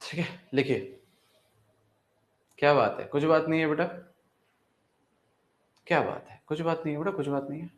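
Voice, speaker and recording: A man's voice: on the high side, steady tone, moderate pace, long pauses, roomy sound. A man teaching chemistry in a classroom lecture, repeating himself and coaxing students, calling them "beta".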